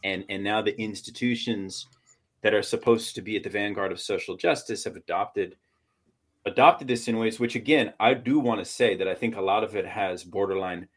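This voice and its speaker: Lower-voiced man, halting analytical talk. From Portland, Oregon. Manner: hesitant, analytical, restarts a lot. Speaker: podcast co-host. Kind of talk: casual political discussion.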